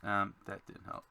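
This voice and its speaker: A man designing a card game, thinking aloud to himself in a slow, musing way as he works. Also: medium pitch, gravelly, sharp tone.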